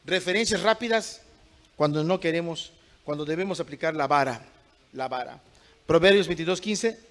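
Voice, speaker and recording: A man's voice: on the high side, fairly quick, a bit bright. A man preaching a sermon to a congregation, emphatic, often asking questions and waiting for the answer.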